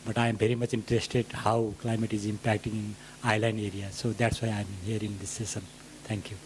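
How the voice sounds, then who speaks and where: A man from Nepal gives a formal, deliberate self-introduction. His voice is low and even, with a faint hum behind. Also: rough recording.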